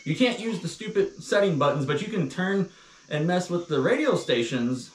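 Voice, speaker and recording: A man's voice: fairly high pitch, very animated, normal speed. An American man chatting casually and telling stories with comic, exasperated grumbling. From Missouri, United States. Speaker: co-host of a couple's live chat. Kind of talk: casual chat storytelling. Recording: roomy, distant mic, faint noise.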